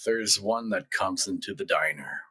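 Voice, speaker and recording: A man's voice: low voice, normal speed, sharp tone, breathy edge, no room sound, heavily acted. A man playing a weary, easygoing young adult son who tries to keep the peace with his mother. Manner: tired, placating.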